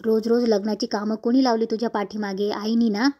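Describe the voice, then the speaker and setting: A woman's voice: on the high side, level tone, lo-fi sound, close to an everyday voice. A woman reading an angry young wife scolding her husband. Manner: scolding, rapid-fire accusations.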